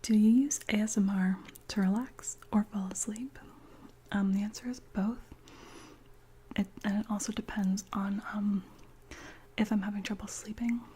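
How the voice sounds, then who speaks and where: A woman whispering gently as an ASMR channel host, chatting slowly with many soft pauses. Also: medium pitch, fairly even intonation, a little hiss or hum.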